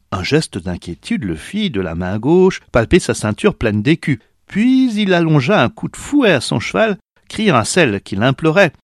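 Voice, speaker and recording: A man narrating a Christmas folk tale in an expressive storytelling reading. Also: medium pitch, no room sound, studio quality.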